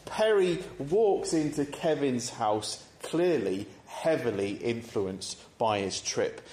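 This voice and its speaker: A man delivers a sermon at an unhurried, deliberate pace. His middle-pitched voice rings out through a reverberant church, relaxed and conversational, as he invites his listeners to reflect. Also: slight background noise. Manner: measured, conversational, posing reflective questions. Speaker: preacher. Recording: echoey church room.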